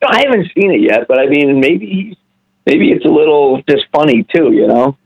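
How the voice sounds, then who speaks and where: A man chatting casually and answering in a measured, hedging way. His voice is gravelly and husky. It comes through a tinny, phone-like line. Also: on the high side, expressive. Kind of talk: casual chat.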